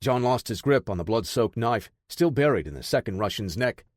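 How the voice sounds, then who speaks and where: A man narrating an action audiobook in a steady, dramatic storytelling manner. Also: mid-range voice, moderate pace, no echo, clean studio sound. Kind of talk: scripted narration.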